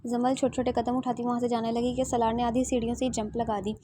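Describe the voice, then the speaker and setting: A woman reading a romance novel aloud as narrator, in a steady, low-key storytelling manner. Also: quick pace.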